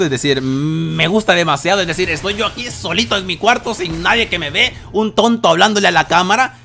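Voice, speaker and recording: A youtuber in his twenties answers viewer questions in a casual bedroom vlog, with a fairly bright voice on the high side. He swears often and erupts into dramatic outbursts.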